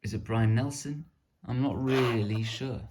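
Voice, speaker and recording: Over some background noise, a man casually shows off the miniatures he's painted, rambling and poking fun at himself. His medium-pitched voice stays steady and a little slow.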